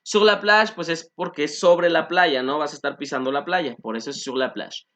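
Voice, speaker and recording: A man teaching a French lesson, repeating phrases slowly and translating them, with many "este" fillers. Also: fairly high pitch, a bit bright. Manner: frequent "este" fillers, asks "¿no?" and "¿sí?". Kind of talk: online language lesson.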